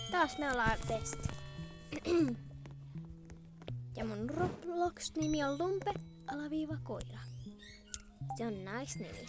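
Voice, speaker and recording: Young female let's-player, high and a bit hoarse, chatty running commentary over loud game music. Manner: chatty, thinks aloud, clears throat often. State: voice going hoarse. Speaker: gaming video host. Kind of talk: casual gameplay commentary.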